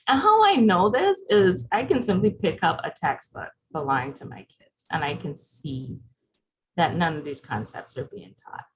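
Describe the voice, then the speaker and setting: A woman's voice: on the low side, animated, moderate pace, rough recording. A woman from Barbados, giving a conversational presentation over a video call and putting questions to her audience. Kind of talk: interactive presentation.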